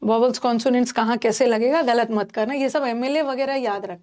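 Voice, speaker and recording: A woman teaching a class, explaining pronunciation slowly and repeating each sound for her students. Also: fairly high pitch, steady tone, a little mellow. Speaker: English teacher. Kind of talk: classroom lesson.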